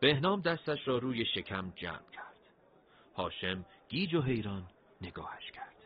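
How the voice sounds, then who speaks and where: A man narrating a dramatic story in an expressive, animated reading, on a dull lo-fi recording. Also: mid-range voice.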